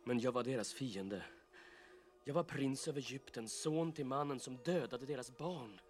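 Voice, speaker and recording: An actor voicing Moses in an animated film, hesitant and pleading, stumbling over his words. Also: medium pitch, close to an everyday voice. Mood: doubtful. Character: Moses, a doubting former prince of Egypt. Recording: film soundtrack with faint music.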